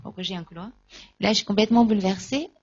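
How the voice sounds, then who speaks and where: A woman speaks at a conference about her own life, slipping into the voices of the people she remembers as she tells it. Her voice sits at an ordinary middle pitch. The recording is a little muffled and lo-fi. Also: fast talker, slightly rough. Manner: lively, acts out remembered dialogue. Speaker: guest giving a faith testimony. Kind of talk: personal storytelling at a conference.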